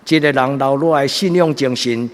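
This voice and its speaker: Taiwanese Hokkien-accented pastor, echoing church hall. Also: male voice, medium pitch, moderate pace. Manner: earnest, exhorting, swelling into loud emphatic passages. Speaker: pastor preaching a Sunday sermon. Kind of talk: church sermon. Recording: echoey hall with long reverb.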